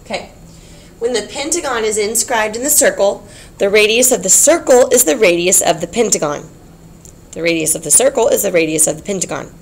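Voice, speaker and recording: A woman's voice: medium pitch, expressive, brisk, gravelly, a little hiss or hum. A woman teaching a geometry class, explaining patiently, repeating key points and checking in with her students. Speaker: math teacher.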